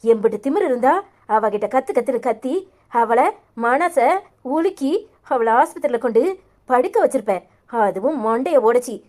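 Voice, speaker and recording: A domineering cartoon mother-in-law, voiced by a woman, furious and throwing threats at everyone. Her voice is high and pointed. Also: animated, normal speed, pauses often, darkish tone, close to an everyday voice. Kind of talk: cartoon voice acting.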